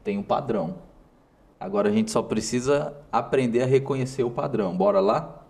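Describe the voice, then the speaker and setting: A man's voice: mid-range voice, moderate pace, darkish tone. A man with a Brazilian Portuguese accent hosting a motivational talk, speaking straight to the viewer in punchy, repeated short phrases. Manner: emphatic, speaks directly to the viewer. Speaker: host.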